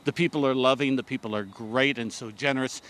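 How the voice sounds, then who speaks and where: Bright, jokey man co-hosting on location. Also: medium pitch, fairly even intonation, fairly quick, slight background noise. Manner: jokey, enthusiastic. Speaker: TV co-host. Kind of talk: casual on-location chat.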